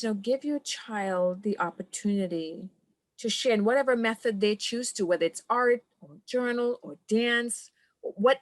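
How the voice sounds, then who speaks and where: A coach from Trinidad appears as a podcast guest, speaking in an earnest, reflective way and laughing often during the conversation. Her voice is mid-range and recorded without echo.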